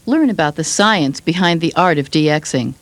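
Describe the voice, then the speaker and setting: A woman reading scripted instructional narration with an even, informative delivery. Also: low voice, normal speed, dry recording.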